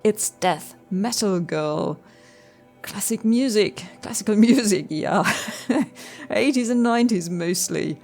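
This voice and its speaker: A woman's voice: mid-range voice, steady tone, very slow, creaky, few pauses, darkish tone, soft background music, full character voice. A woman doing a folksy, drawling male coder. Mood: brash. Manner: drawling, folksy put-on accent. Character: eccentric male coder who loves death metal.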